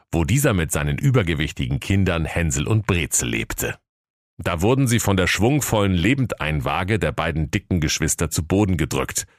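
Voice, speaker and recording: Deep-voiced guy reading a funny fairy tale to kids, very animated, dry close mic. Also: dry recording. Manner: mock-solemn, lively storytelling. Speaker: storyteller. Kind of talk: comic fairy-tale narration for children.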